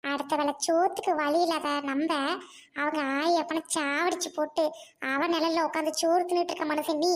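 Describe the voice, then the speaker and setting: Woman as a furious, very high-voiced village wife who hurls accusations at her husband. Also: flat delivery, brisk, a little hiss or hum, natural voice. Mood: angry. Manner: scolding, accusing, sharp retorts. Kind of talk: amateur family drama acting.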